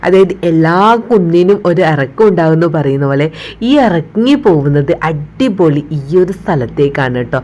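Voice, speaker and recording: A woman's voice: lowish voice, a little mellow, a little hiss or hum. A woman narrating a casual travel vlog, chatting directly to viewers and mixing English words into her Malayalam. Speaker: travel vlogger.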